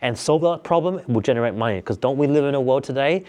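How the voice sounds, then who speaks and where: A man talking casually to camera, coaching viewers on business ideas in an energetic, repetitive way. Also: medium pitch, fast. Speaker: business tips vlogger. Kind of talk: casual motivational talk to camera.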